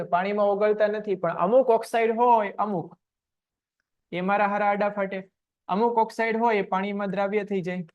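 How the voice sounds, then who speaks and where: A man teaching a science class online, asking quick questions and answering them himself. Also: high-pitched, lo-fi sound.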